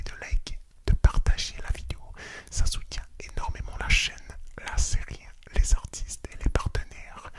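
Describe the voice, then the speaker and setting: A man hosting an ASMR channel, whispering throughout in an unhurried way, repeating phrases and often calling his listeners friends. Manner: unhurried, repeats phrases, some small restarts.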